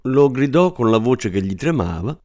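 Lively male audiobook narrator. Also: mid-range voice, moderate pace, no echo, studio quality. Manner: expressive, acts out his own first-person lines. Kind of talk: literary first-person reading.

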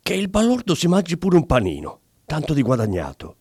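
Man putting on a shrill scolding wife. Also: huge pitch swings, brisk, darkish tone, slightly rough, no echo, studio quality, heavily acted. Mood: scornful.

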